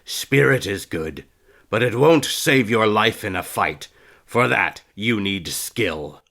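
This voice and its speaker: A man reading a storybook as a gruff, scarred older male trainer with a gravelly, blunt voice. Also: fairly low pitch, expressive, takes it slowly, bright, forceful tone, heavily acted. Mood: taunting. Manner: blunt, taunting.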